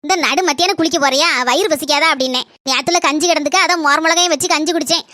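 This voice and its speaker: A woman's voice: sits high, very fast, bright, forceful tone, no echo. A woman voicing a chattering village grandmother. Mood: gossiping. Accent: Kanyakumari Tamil.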